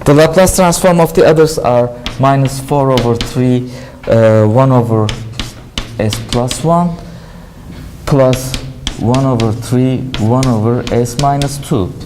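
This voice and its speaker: A university lecturer with a Turkish accent, a native Turkish speaker, giving a classroom lecture and often asking questions, then answering them himself. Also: male voice, medium pitch, takes it slowly, a little mellow, faint music behind, poor audio. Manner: explanatory, asks and answers his own questions. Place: lecture hall.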